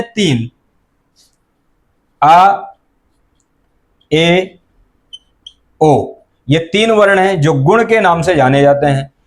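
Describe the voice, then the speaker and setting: A middle-aged man teaching Sanskrit grammar, asking questions and answering them himself and repeating the key terms. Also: high voice. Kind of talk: explanatory lecture.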